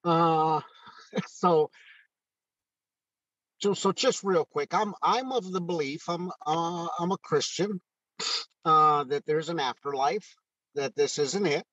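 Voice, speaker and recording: In a candid interview carried over a phone call, a retired first sergeant, a Mexican man in his sixties, speaks earnestly and haltingly, full of fillers and restarts. His voice is on the high side and a bit bright. The audio is dull, with no room sound.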